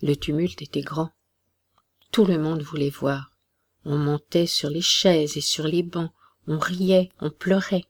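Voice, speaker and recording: A narrator reading a classic storybook tale at a slow, measured pace. The voice sits mid-pitch for its kind. The sound is dry and close, with no room around it. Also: steady tone, dry recording.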